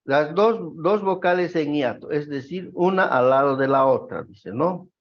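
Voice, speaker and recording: A man teaching a grammar class, explaining slowly and often checking that students follow. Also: on the high side, animated. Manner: slow, explanatory, checks with frequent questions. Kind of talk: classroom lecture. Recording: dull lo-fi recording.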